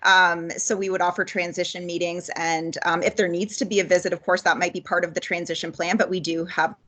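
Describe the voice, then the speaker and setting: A woman with a somewhat low voice speaks in an online meeting from a video call. Her connection is poor, so the sound is choppy and the ends of her words cut out. She talks haltingly, with many small fillers. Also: little pitch movement, pushed and bright. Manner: hesitant, halting, frequent fillers. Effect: choppy audio cutting out on a bad connection. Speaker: school board staff member.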